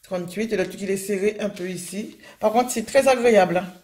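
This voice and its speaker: A woman's voice: medium pitch, a little fast, a little mellow, breathy edge. A woman, casually chatting through a clothing haul video and rambling with lots of fillers. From Guadeloupe. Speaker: vlogger.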